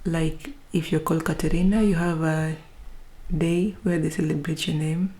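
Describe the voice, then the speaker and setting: A young woman with a Kenyan accent chats to her viewers in a casual vlog. Her voice sits a little low, and she is lively, slipping now and then into whispered asides. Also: normal speed. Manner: chatty and animated, with frequent whispered asides. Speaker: vlogger. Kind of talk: casual vlog talk to camera.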